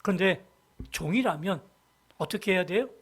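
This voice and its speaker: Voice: medium pitch, lively intonation, moderate pace, slightly rough. Korean pastor preaching a storytelling sermon. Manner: storytelling, swings between loud and hushed. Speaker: senior pastor. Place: church sanctuary.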